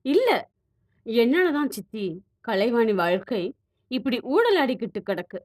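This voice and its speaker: A woman's voice: fairly high pitch, very animated, slow pace, heavily acted. A woman voicing a distressed young woman who blames herself tearfully in an audio story. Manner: tearful, self-blaming.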